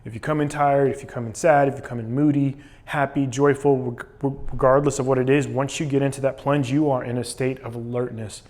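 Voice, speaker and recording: A man's voice: medium pitch, fairly even intonation, a little fast, hardly any pauses, a little mellow. A man talking casually and explaining things in a vlog monologue while sitting in ice cold water. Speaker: vlogger documenting a cold plunge challenge.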